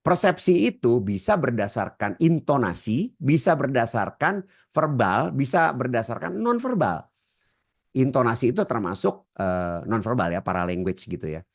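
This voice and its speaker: A man's voice: mid-range voice, very animated, normal speed. A man teaching a hypnotherapy class, often addressing his listeners directly and asking rhetorical questions he then answers himself. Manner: addresses the audience often as ladies and gentlemen. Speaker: hypnotherapy trainer. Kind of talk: lecture to a class.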